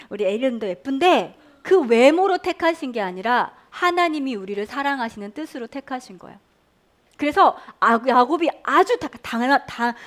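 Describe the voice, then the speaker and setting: A woman preaching a Sunday school sermon to children, quizzing them and leading them in repeating phrases. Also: on the high side. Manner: animated, questioning children and leading call-and-response. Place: church Sunday school room.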